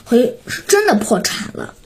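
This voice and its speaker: A woman voicing a sad, worried father in a children's story, speaking slowly with hesitant fillers. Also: fairly high pitch, very animated, darkish tone, slight background noise. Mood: glum. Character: stern man, a worried father.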